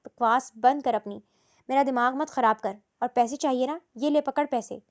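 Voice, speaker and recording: A woman voicing a harsh, abusive middle-aged husband who talks in curt, scolding, drawn-out lines in a storybook reading. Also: high voice, natural voice. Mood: angry.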